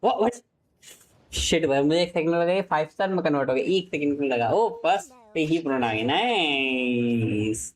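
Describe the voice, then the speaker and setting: A young man from India streaming a game live, with an Indian English accent, excitable and cursing, switching between Hindi and English mid-sentence. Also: on the high side, moderate pace, hardly any pauses, rough recording. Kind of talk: live gaming stream commentary.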